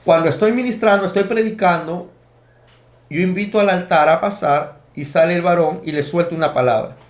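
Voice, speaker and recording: A man's voice: high voice, fairly quick. A man preaching a sermon, teaching emphatically and counting out his points. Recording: echoey room.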